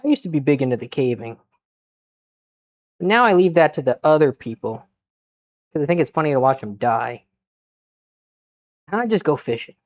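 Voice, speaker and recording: A man streaming himself cooking, chatting casually with deadpan, self-mocking asides and muttering to himself as he works. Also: on the high side, moderate pace, long pauses. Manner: mutters to himself while working. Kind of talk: casual chat while cooking.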